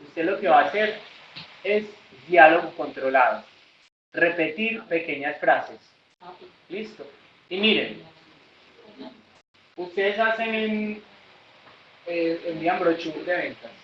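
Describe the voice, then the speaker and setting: A man with a fairly high voice runs a sales training session, switching into exaggerated caller voices. He is heard from a distance in an echoey room on a dull, lo-fi recording with faint noise. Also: slow pace, pauses often. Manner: lively, acts out callers in raised voices. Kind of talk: workshop lesson with acted examples.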